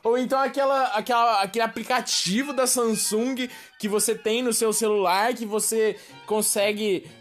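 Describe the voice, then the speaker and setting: A woman's voice: fairly high pitch, steady tone, moderate pace, few pauses, faint music behind. A Brazilian woman ranting in a slangy, exasperated comic monologue to her viewers. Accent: Brazilian Portuguese. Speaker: vlogger. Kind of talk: slangy comic rant to camera.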